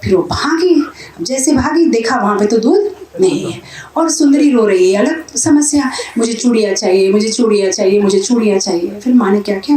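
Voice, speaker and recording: A woman speaker telling a devotional story in a lively, chuckling way in a temple hall. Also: high voice. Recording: roomy hall sound from a distance.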